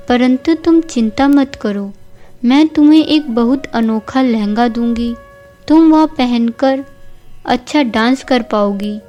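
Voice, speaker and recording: Lady doing a kind regal fairy queen from a cartoon, high and soothing, a bit loud. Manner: soothing and reassuring.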